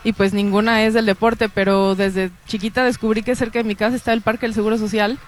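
A woman from Mexico City with a Mexican accent, answering interview questions in a relaxed way with many fillers. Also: mid-range voice, fast talker. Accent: Mexican Spanish. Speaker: guest, baseball scout.

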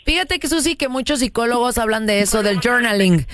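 A woman's voice: a little high, animated, brisk, fairly bright tone, a little hiss or hum. A Mexican woman co-hosting a casual talk show, emphatic and affectionate, calling people terms of endearment. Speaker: radio show co-host. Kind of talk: casual chat.

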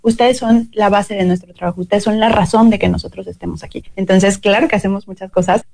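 A woman's voice: mid-range voice, steady tone, fast talker, vocal fry, a little mellow. A Mexican woman with a Mexican Spanish accent, a consul explaining services as an interview guest.

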